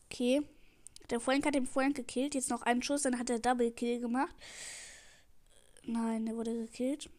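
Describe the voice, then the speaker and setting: A teenage girl giving excitable live commentary on her own match, pleading and calling out every move into a headset mic. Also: on the high side, normal speed, pauses often. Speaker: gamer streaming her match.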